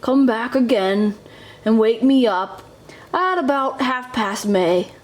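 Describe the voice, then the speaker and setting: A woman voicing a sleepy, grumpy male toad from a children's storybook, with a weary, drawn-out delivery. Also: fairly high pitch, lively intonation. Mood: sleepy, reluctant. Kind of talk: children's storybook read aloud.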